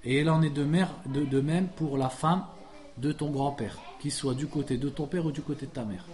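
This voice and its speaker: A man's voice: a little high, moderate pace, darkish tone. A man teaching a religious studies class, explaining a text patiently and stopping to ask the class questions. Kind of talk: classroom lesson, reading and explaining.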